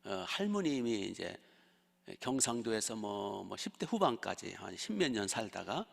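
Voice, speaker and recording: A man's voice: lowish voice, big pitch swings, normal speed, vocal fry, in a large hall. A man in his sixties, a pastor telling stories in a sermon and asking the congregation rhetorical questions. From Chungcheong region, South Korea. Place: church sanctuary.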